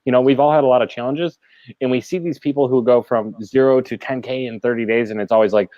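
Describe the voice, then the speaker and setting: A man's voice: mid-range voice, fairly even intonation, quick pace, dark tone, no room sound, dull audio. A man hosting a casual chat on a video call, steering the talk with interruptions and frequent laughs. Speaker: host.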